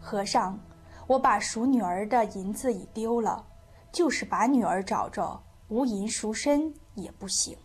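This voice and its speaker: A woman's voice: medium pitch, a little slow, breathy edge. A woman voicing an aggrieved desperate man. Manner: grumbling, aggrieved. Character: desperate, indignant middle-aged man, easily offended. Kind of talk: storytelling.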